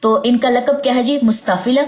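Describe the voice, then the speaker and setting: A young woman teaching tajweed from slides. She often checks whether students follow and draws out example words slowly. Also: medium pitch. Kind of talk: slide-based online lesson.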